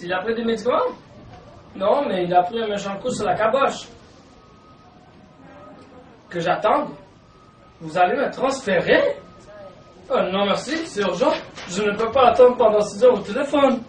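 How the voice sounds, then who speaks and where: A woman's voice: a little high, lively intonation, normal speed, pauses often, natural voice. A woman with a Quebec French accent acting a flustered, fussy mother who exclaims a lot. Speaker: amateur stage actor. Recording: echoey room, far from the mic, faint noise.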